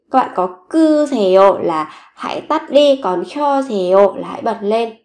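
Woman teaching phrases with slow, clear repetition. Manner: repeats each phrase slowly, rising pitch on example phrases. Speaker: Korean language teacher. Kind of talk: language lesson, explaining and repeating phrases.

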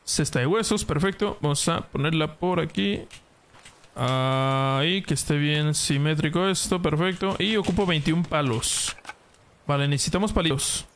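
A man's voice: on the high side, normal speed, a little hiss or hum. A young man streaming a video game live, chatting casually, yelping at setbacks and greeting viewers by name. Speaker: gaming streamer. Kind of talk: casual live gameplay commentary.

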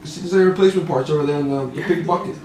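A man's voice: a little high, rapid-fire, warm tone, far from the mic, a little hiss or hum. A man, a husband and father, bantering with dry jokes at home, picked up from across the room. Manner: dry, joking. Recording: roomy, off-mic home audio.

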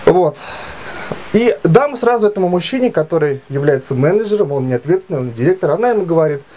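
A man in his late thirties telling a grievance story to camera in a halting, filler-heavy way. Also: fairly high pitch, lively intonation, warm tone, a little hiss or hum. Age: 30s. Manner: halting, many fillers and restarts, aggrieved retelling. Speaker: vlogger. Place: small indoor room.

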